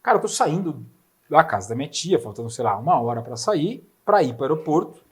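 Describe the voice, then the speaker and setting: Fast-talking Brazilian man telling stories. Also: a little high. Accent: Brazilian Portuguese. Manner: animated, swearing, acts out dialogue. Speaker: podcast host. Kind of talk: casual storytelling chat.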